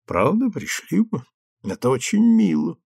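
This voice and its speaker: Soft-spoken gallant old colonel, guy doing him, low and gravelly. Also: huge pitch swings, unhurried, no echo, studio quality, heavily acted. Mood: courtly. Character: older gentleman colonel, calm, courtly.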